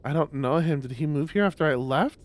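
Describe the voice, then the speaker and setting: A man streaming a visual novel, reading the story aloud in a lowered voice with loud reactions. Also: brisk, no room sound. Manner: reads narration in a lowered voice, reacts with loud exclaims. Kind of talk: reading a story game aloud with chatty asides.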